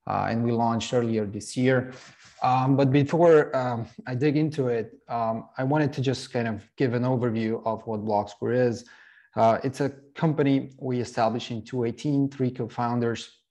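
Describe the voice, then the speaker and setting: A middle-aged man from Slovenia giving an online conference presentation as a startup CEO, talking haltingly with many fillers and restarts over a video call from a home office. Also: mid-range voice, a little mellow.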